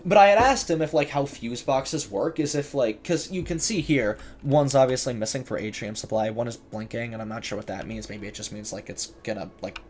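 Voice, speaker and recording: A man's voice: medium pitch, fairly quick, few pauses, a little mellow. A man giving casual, jokey commentary as he streams a horror game, nervous about scares and talking back to the characters. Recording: clear background noise, keyboard clicks and typing.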